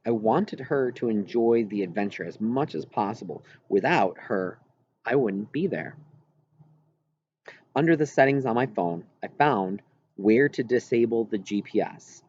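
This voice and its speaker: A man reads a scripted first-person story aloud at a measured pace, his fairly low voice carrying a darkish tone. The audiobook was recorded at home and sounds muffled and clearly noisy.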